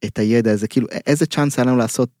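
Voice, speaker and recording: A middle-aged man with an Israeli accent, a mental coach giving earnest, emphatic motivational talk in an interview, pausing mid-phrase. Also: medium pitch, darkish tone, no echo, studio quality. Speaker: mental coach, podcast guest.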